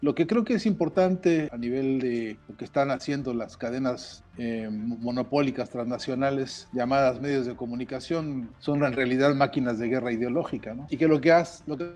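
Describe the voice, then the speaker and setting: Male commentator, mid-pitched, scholarly and measured, faint music underneath. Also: darkish tone. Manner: academic, measured, with hesitant fillers. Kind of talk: analytical commentary.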